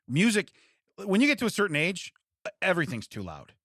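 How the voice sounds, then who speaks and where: A man's voice: high-pitched, wildly swooping pitch, brisk, fairly bright tone, dry recording, studio quality. A man co-hosting a podcast in casual banter, joking and laughing often, with stammering restarts. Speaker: podcast co-host.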